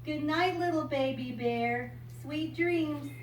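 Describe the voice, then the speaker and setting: Slow and high-voiced, this older American woman, 60 or beyond, talks casually with young kids and reads aloud from a picture book, explaining things plainly. A storyteller who loves RVs, she's recorded from afar in a reverberant room with heavy background noise.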